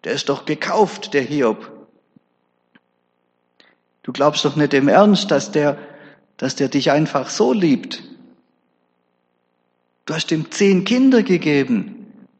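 A man's voice: mid-range voice, lively intonation, slow pace, gravelly, pauses often, big-room sound. A man preacher voicing a sneering male devil who mocks and taunts God. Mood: taunting. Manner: mocking, taunting.

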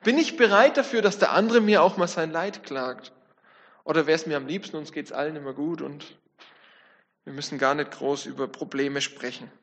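A man with a high voice gives a sermon, reflective in tone and turning often to his listeners with questions. His words ring out with a long reverb in a church hall. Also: moderate pace, a bit bright. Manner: reflective, speaks to the congregation directly. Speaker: preacher.

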